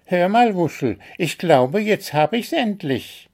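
Guy doing a squeaky self-important little flute player, kinda sulky, storybook voice. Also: sing-song, slow, darkish tone, exaggerated voice. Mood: eager, sulky. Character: eager self-important male amateur flutist.

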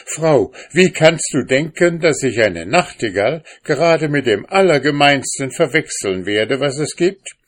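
A stubborn, boastful husband from a storybook, put on by a male reader. His voice sits raised above the reader's own and swings about with insistence, the words drawn out slowly. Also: medium pitch, big pitch swings, pitched above the performer's own voice. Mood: heated. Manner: insistent, boastful, growing heated. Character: stubborn pompous short-sighted husband.

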